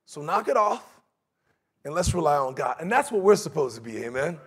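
A man's voice: on the high side, big pitch swings, a little fast, breathy edge. A middle-aged man preaching a sermon in a large church sanctuary, talking in a conversational way and slipping into mocking voices for his examples.

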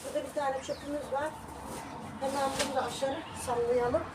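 A woman vlogger gives a casual running commentary on household chores from her home balcony. Her high voice is brisk with fairly even intonation, and the recording is echoey and noisy, picked up by a distant microphone.

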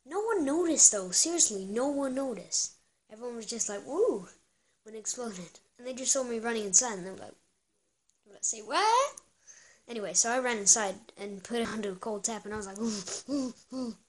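A young female vlogger with a hoarse voice, chatting casually with lots of fillers. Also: on the high side, quick pace. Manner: chatty, rambling with many fillers. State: hoarse, lost voice. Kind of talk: casual vlog chat.

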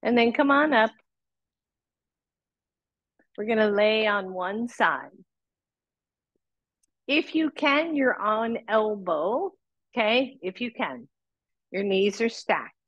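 A woman teaching a live yoga class, calling out cues and counts with encouraging, breathy exhales. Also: fairly high pitch, a bit bright, dry recording, muffled recording.

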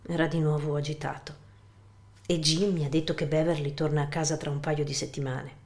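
A frank old mother in her seventies, read by a woman in an audiobook, low-voiced, firm and plain-spoken. She answers steadily and does not back down. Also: darkish tone.

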